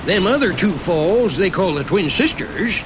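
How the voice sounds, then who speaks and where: Folksy Old West tour guide, rural Western American drawl, high voice, very animated intonation, wry theme park narration, noisy ride ambience. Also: male voice, a little slow. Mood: genial, wry. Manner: drawling, folksy dialect with chuckles.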